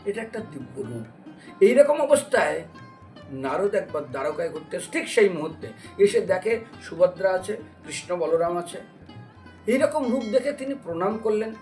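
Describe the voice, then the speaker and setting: Here the preacher's high-pitched male voice swings widely in pitch at a normal speed, with a darkish tone. Delivering a devotional storytelling sermon with recited scripture, he explains, poses rhetorical questions and acts out dialogue. He's recorded from a distant mic over background music.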